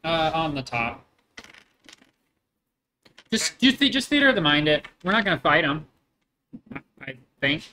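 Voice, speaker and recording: A man's voice: fairly high pitch, big pitch swings, a little slow, long pauses, bright, forceful tone. A man playing a tabletop game, chatting casually and describing his character's moves, with slight room noise. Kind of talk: casual chat and role-play.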